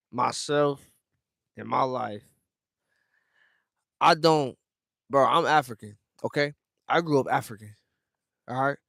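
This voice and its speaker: A man's voice: mid-range voice, gravelly, a bit bright, no echo, clean studio sound. A young man from the United States speaking straight to his viewers in a casual livestream rant, slangy and emphatic, calling everyone fam and bro. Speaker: streamer talking to viewers.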